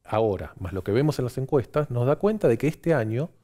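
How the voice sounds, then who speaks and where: A man's voice: medium pitch, animated, a little fast, dark tone. A man with an Argentine accent, a pollster guest giving fluent political analysis on TV and listing his points one after another.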